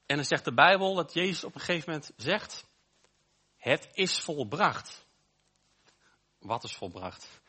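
A man preaching a sermon, with an emphatic, repetitive cadence and slow, stressed phrases. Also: a little high, big pitch swings, sharp tone, breathy edge.

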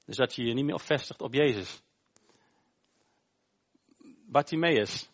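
A male pastor gives an informal sermon during a church service. He tells a Bible story conversationally, often pausing on "eh". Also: mid-range voice. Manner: informal, storytelling, with frequent hesitations.

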